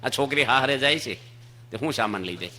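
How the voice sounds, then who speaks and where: A man's voice: mid-range voice, lively intonation, a little fast, pushed and bright, slight background noise. A man giving a sermon to an audience that includes children, telling stories and putting questions to the listeners. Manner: storytelling with voiced characters, asks the audience questions. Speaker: swami giving a religious discourse. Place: assembly hall with children in the audience.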